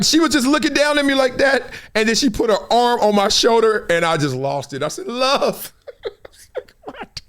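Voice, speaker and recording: A man's voice: very high-pitched, fairly bright tone, smooth. A middle-aged man with an American accent, hosting a show with casual, slangy, joking commentary and storytelling. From United States, South Central Los Angeles. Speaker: show host.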